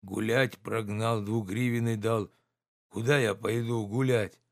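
A man's voice: fairly low pitch, steady tone, no echo, studio quality. A man reading the part of a lazy, grumbling old manservant who drawls his excuses. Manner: drawling, reluctant, slow.

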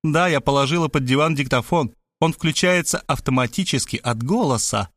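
A man reading an audiobook, voicing a fussy, insistent middle-aged woman who talks fast and pushes her point. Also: on the high side, a bit bright, no echo, clean studio sound, close to an everyday voice. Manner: rapid, pushy, matter-of-fact.

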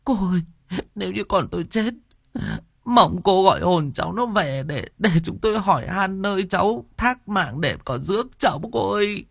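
A man's voice: high voice, animated, moderate pace, creaky, a bit bright, slightly rough, dry recording, clean studio sound, pitched above the performer's own voice, full character voice. A man voicing an elderly village mother who pleads tearfully for news of her lost daughter. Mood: pleading.

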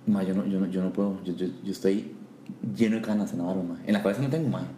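A Costa Rican man in his forties hosting a comedic interview, teasing his guest in a mock-serious way, with halting restarts. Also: deep voice, fairly even intonation, mellow. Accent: Costa Rican Spanish. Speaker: host. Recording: echoey room with faint noise.

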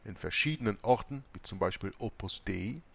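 Gravelly, expressive male audiobook reader. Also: fairly low pitch, moderate pace. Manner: dramatic, expressive storytelling. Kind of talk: first-person memoir reading.

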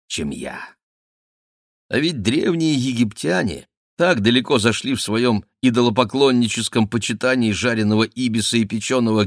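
A man reading a classic novel aloud in measured, expressive narration. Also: lowish voice, no echo, studio quality. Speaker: audiobook reader. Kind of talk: scripted literary narration.

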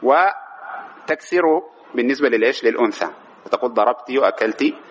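A man's voice: medium pitch, lively intonation, fast talker, a bit bright. A man teaching an Arabic grammar lesson, quizzing students with rhetorical questions. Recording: dull lo-fi classroom recording with faint noise.

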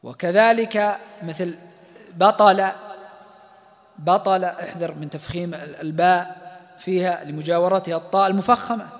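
Male recitation teacher, high voice, long hall reverb, explains then chants examples. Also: normal speed. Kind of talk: tajweed lesson with recited examples.

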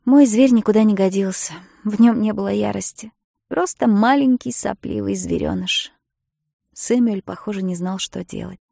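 A woman's voice: mid-range voice, moderate pace, gravelly, dry recording, clean studio sound. Woman narrating an audiobook in first person. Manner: expressive first-person reading, shifts between hushed and loud. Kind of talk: scripted narration.

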